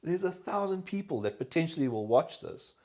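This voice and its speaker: A South African man hosting a podcast, chatting casually and telling lively stories. He slips into the voices of the people he quotes. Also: a little high, fairly quick. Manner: animated storyteller, acts out quoted voices. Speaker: podcast host. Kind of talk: casual chat.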